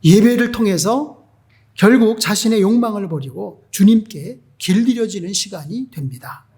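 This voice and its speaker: A man's voice: sits high, normal speed, darkish tone, husky. A male pastor preaching an emphatic sermon and putting rhetorical questions to the congregation.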